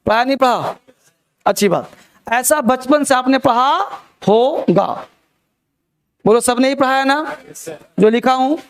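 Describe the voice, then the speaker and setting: A man's voice: extremely high pitch, lively intonation, a little slow, pauses often, smooth. A man teaching a spelling lesson to a class, repeating key words and quizzing his students. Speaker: English teacher.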